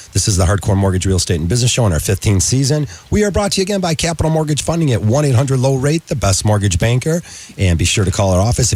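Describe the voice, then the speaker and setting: A man's voice: mid-range voice, darkish tone. A man hosting a radio talk show.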